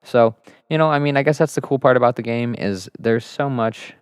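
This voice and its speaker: A man's voice: mid-range voice, a little fast, clean tone, dry recording, clean studio sound. A man talking casually over his gameplay footage, laid-back and rambling, swearing freely as he recounts his game. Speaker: gaming channel host.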